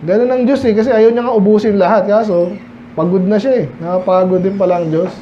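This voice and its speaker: High-voiced pastor, dull lo-fi recording. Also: male voice, fairly even intonation, fast, dark tone, slight background noise. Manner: explains English verses in conversational Filipino, rhetorical questions. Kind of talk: midweek Bible study sermon. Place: church.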